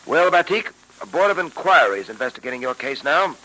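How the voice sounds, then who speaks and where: An actor in old radio drama style playing a principled, stoic police detective with a crisp, authoritative manner. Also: male voice, a little high, lively intonation, fairly quick, bright, forceful tone, poor audio. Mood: matter-of-fact. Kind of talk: 1940s radio drama acting. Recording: vintage radio recording.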